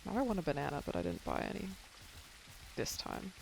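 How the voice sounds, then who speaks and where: Gravelly, chatty game streamer losing voice. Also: mid-range voice, wildly swooping pitch, a little fast, background noise. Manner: rambling, chatty, answers chat, casual swearing. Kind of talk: casual live-stream chat while gaming.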